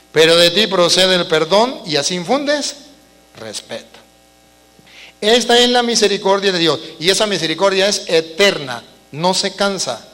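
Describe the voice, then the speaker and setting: High, bright-voiced priest preaching. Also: male voice. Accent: Venezuelan Spanish. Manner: emphatic, repeats phrases, swings between soft and loud. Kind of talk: sermon. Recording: long hall reverb with mains hum.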